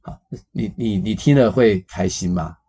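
Deep gravelly man. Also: moderate pace. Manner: animated, gives everyday examples, many fillers. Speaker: psychologist podcast host. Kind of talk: explanatory podcast talk.

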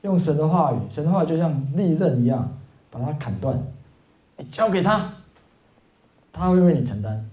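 A man preaching a Sunday sermon in a conversational way, asking rhetorical questions and filling pauses with "ah" and "oh". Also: a little high, animated, warm tone. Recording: roomy, slightly dull church recording.

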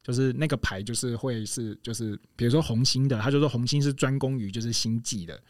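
A man's voice: mid-range voice, brisk, darkish tone, no echo, studio quality. A man co-hosting a podcast in casual chat, telling long rambling stories full of restarts. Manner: rambling storyteller with many restarts and laughs.

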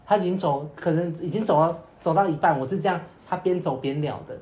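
A man's voice: on the high side, fast talker, a little mellow. Rambling young man, roomy sound. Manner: rambling, many repeated fillers, acts out quoted lines. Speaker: podcast co-host telling a story. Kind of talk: casual storytelling chat. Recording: roomy echo with faint noise.

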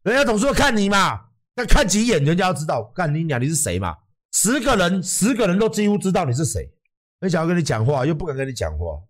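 A man's voice: sits high, big pitch swings, fast talker. A man with a Taiwanese Mandarin accent, hosting a livestream and talking bluntly to his viewers, swearing freely and acting out other people's lines. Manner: blunt, emphatic, swears freely, acts out quotes. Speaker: livestream host.

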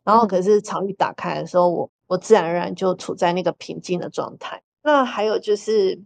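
A woman teacher with a lowish, gravelly voice, explaining in a calm, measured and encouraging way over a phone app. The sound is dry and close. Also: no echo. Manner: measured, encouraging, uses fillers like "呃" and "哈". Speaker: teacher and association chair, host. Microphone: phone app in an online audio room.

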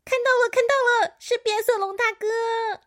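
A woman's voice: very high voice, normal speed, voice pushed up. A woman voicing a cheerful ten-year-old hamster girl, in a children's story. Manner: bright, eager.

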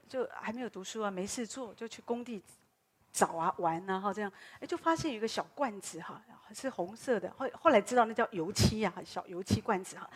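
A middle-aged woman pastor with a Taiwanese Mandarin accent preaches in a church, turning her sermon into a lively story. Her voice sits fairly high and has a husky, breathy edge. She keeps the talk casual and often tags her lines with a little "ha".

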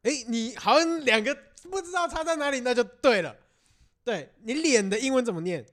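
A man's voice: very high-pitched, animated, fairly quick, a bit bright. A man, co-hosting a casual podcast chat and playfully correcting pronunciation. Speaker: podcast co-host.

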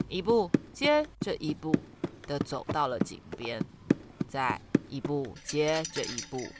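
A woman reading a children's story aloud in an expressive, dramatic way. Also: low voice, very noisy. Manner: slow, expressive read-aloud with dramatic pauses.

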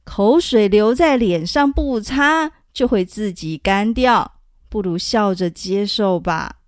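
A woman voicing an older male court minister who calmly gives cautious counsel in a slow storybook telling. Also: medium pitch, dry recording, clean studio sound, close to an everyday voice. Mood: cautioning. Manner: calm, measured counsel.

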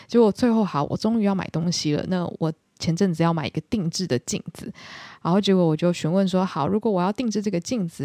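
A young woman, hosting a podcast and telling a story about herself in a lively, self-mocking way. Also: lowish voice, dry recording, clean studio sound. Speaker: podcast host. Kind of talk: casual solo storytelling.

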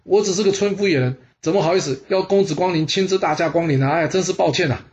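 A man's voice: high voice, quick pace, muffled recording, pitched above the performer's own voice, lightly acted. Zhuan Zhu, a man doing an earnest butcher hero. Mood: startled. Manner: raised excited voice. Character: humble brave male butcher, earnest and startled.

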